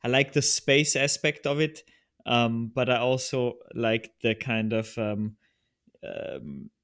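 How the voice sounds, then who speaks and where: A man's voice: medium pitch, slow, a bit bright. Hesitant Austrian-born man, guest on a podcast. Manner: hesitant, many restarts and fillers. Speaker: podcast guest, video trailer producer. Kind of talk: casual interview chat.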